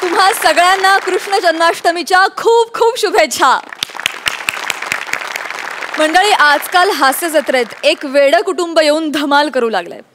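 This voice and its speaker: High-voiced woman announcing a show. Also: expressive, measured pace, a bit bright, a faint crowd, a little hiss or hum. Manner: formal, rhythmic announcing. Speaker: show host. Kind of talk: scripted show introduction.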